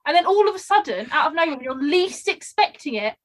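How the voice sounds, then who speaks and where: A woman co-hosting a casual podcast, chatty and animated, telling stories with lots of fillers. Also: sits high, quick pace. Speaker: podcast co-host. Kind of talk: casual chat.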